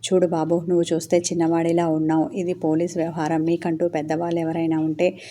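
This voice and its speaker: A woman's voice: deep voice, flat delivery, fast, mellow, slight background noise, close to an everyday voice. A woman voicing a stern elderly male neighbour who gives firm advice.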